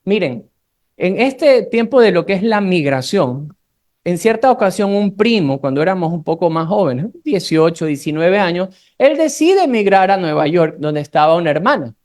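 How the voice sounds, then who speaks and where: A preacher from Ecuador speaks with a Guayaquil accent in a mid-range voice. They teach a Bible study sermon, slowing down to read scripture and turning to the congregation with casual, conversational asides. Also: mid-range voice, very animated, darkish tone. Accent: Guayaquil Ecuadorian Spanish. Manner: slows down when reading scripture aloud, conversational asides to the congregation.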